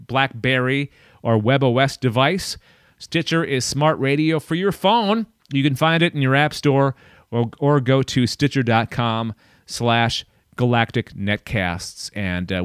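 Male podcast host, clear voice, dry close sound, casual and halting, a little out of breath. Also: mid-range voice, fairly bright tone, no room sound. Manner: self-deprecating, loose and halting. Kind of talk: casual chat.

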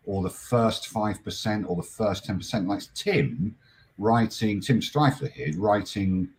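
An English man hosting a casual panel chat, energetic and jokey. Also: fairly low pitch, unhurried, slight background noise. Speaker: host.

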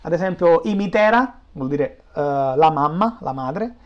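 A man's voice: fairly high pitch, expressive, unhurried, muffled recording. A man from Naples with a Neapolitan accent, explaining language in an informal interview, teaching through examples. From Naples, Italy.

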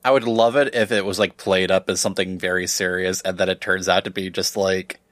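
Brief: male co-host, low-pitched, thoughtful and questioning. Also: flat delivery, fairly quick, fairly bright tone, dry recording, studio quality. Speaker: podcast co-host. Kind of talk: casual chat.

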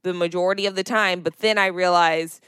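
A young adult woman co-hosting a casual podcast, telling a story in an animated, emphatic and exasperated way. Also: fairly low pitch, fairly quick, smooth, dry recording, clean studio sound. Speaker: podcast co-host. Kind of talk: casual chat.

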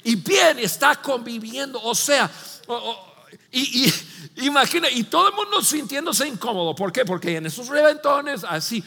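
A man delivers a sermon in a high, bright voice with some gravel in it, and his words ring out in a hall with long reverb. He tells the story with energy, acting out the characters and restarting his phrases often. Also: normal speed. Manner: animated storytelling, acts out voices, many restarts. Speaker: pastor.

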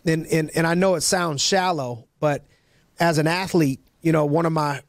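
Brief: male podcast host, slightly higher voice, energetic and rambling, restarts a lot, dry close recording. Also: normal speed, gravelly, no room sound. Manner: hyped, rambling, many restarts and slang. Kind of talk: casual interview chat.

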